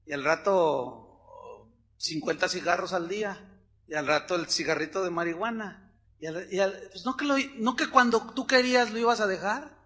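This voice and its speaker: A middle-aged man with a Mexican accent preaching a sermon, telling a personal story and acting out the quotes, moving between loud outbursts and hushed asides. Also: sits high, normal speed. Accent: Mexican Spanish. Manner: animated, acts out quotes, swings from loud to hushed. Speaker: pastor.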